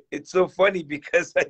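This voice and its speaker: A man's voice: high voice, breathy edge. A man from El Salvador telling his story on a video call, cheerful and laughing often, with lots of fillers and restarts. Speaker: guest real estate investor. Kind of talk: casual video call interview.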